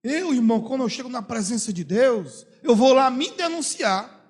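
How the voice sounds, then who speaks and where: A man preaching a sermon as a pastor, animated, acting out prayers and talk in comic voices. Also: very high-pitched, normal speed, slightly rough. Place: church hall. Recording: long church hall reverb.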